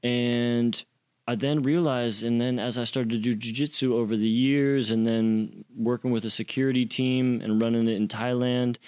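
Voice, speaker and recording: A man's voice: mid-range voice, steady tone, moderate pace, darkish tone, clean tone. A young man casually telling a story as an interview guest, acting out quotes with slang and swearing.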